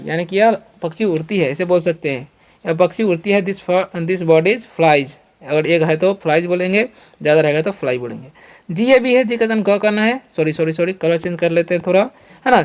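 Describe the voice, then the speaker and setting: A man with an Indian accent teaching English vocabulary in a lesson, repeating each question and answer and reading example sentences slowly and deliberately. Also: high voice.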